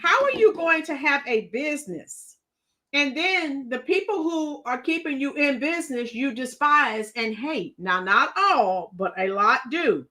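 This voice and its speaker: A woman runs a casual livestream, reacting to news and viewer comments and addressing her audience directly. Her high voice is bright and forceful, with lively intonation and a measured pace, and she speaks emphatically, full of exclamations.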